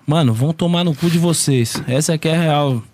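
A man's voice: fairly high pitch, a little fast, darkish tone, slight background noise. Emphatic swearing young man. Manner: emphatic, repeats himself, swears. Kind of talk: casual podcast chat.

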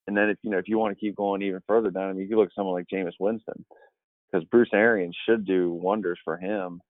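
A man's voice: low voice, steady tone, fast, dry recording. A man talking fantasy football on a podcast, rambling with many fillers and restarts. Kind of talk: casual podcast chat. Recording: dry, tinny phone-like line.

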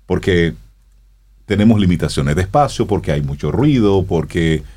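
Lively low-voiced male radio host. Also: moderate pace. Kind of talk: radio talk show discussion.

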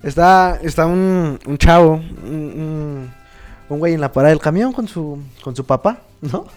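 A man's voice: a little high, animated, unhurried, a little mellow. A man telling a crude joke in a casual group chat, rambling and restarting as he goes. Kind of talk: joking banter among friends. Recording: faint background music.

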